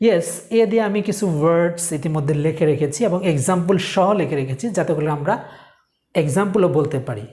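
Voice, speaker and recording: A woman teaching a spoken English lesson, explaining words and repeating each one slowly for learners, with English phrases mixed into her explanations. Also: on the low side, mellow.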